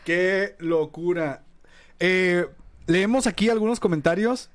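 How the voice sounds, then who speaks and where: A man's voice: high-pitched, slow. A man with a Mexican accent, co-hosting a podcast, joking casually and reading out viewer comments. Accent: Mexican Spanish. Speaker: podcast co-host.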